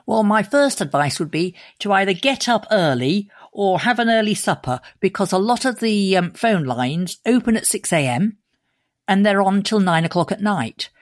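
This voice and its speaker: A woman's voice: medium pitch, animated, moderate pace, no echo. British female money expert, conversational interview guest, mid-range voice, very dry sound.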